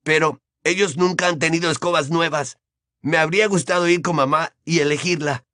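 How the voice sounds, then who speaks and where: A man's voice: on the high side, steady tone, fairly quick, bright, forceful tone, dry recording, clean studio sound, pitched above the performer's own voice. A man voicing a touchy, earnest teenage boy wizard who talks in a slightly raised, youthful voice. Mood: grumbling.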